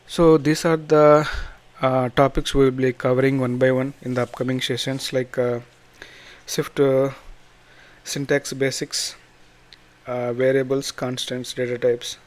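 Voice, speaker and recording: A man with a Telugu accent teaching an informal programming tutorial, in halting, repetitive phrases with restarts. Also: medium pitch, flat delivery. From south India. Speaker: programming instructor.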